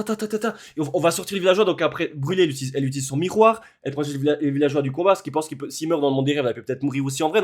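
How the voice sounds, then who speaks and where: A young man giving a spoiler-filled film recap, telling it with sound effects and growing excitement. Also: fairly high pitch. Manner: animated storytelling with sound effects, building to shouting excitement. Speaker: film reviewer.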